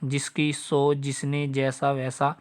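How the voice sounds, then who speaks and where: A man's voice: medium pitch, completely flat delivery, slow, clean tone. A man teaching a Hindi grammar lesson for exam prep. He talks straight to his students, repeats the example sentences and checks that they follow.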